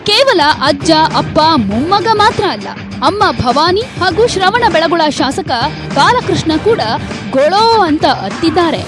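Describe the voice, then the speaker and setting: A woman's voice: extremely high pitch, very animated, normal speed, over music. A woman reporter with a Kannada accent reading a scripted news voice-over with dramatic, punchy delivery.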